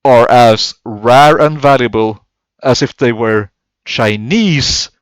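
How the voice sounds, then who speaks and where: A man's voice: medium pitch, slow, clean tone, no room sound. A man playing in a tabletop game, laughing a lot and swearing casually. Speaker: player.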